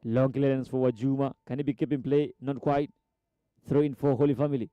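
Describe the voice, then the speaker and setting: A man's voice: mid-range voice, level tone, fairly quick, clear, resonant tone, dry recording, narrow, tinny audio. A man giving live football play-by-play, repeating player names and rising sharply at chances. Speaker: football commentator. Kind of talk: live match commentary.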